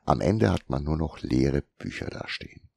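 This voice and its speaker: A man voicing a gruff, shrewd old male bookseller who grumbles and lectures, in an audiobook. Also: very deep voice, expressive, normal speed, a little mellow, no room sound, heavily acted. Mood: lecturing. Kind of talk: audiobook character reading.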